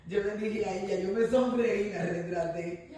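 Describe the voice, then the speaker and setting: A woman's voice: medium pitch, moderate pace, warm tone. A woman at a bible study giving a fervent testimony, with frequent amens. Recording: echoey room, far from the mic, faint ambience.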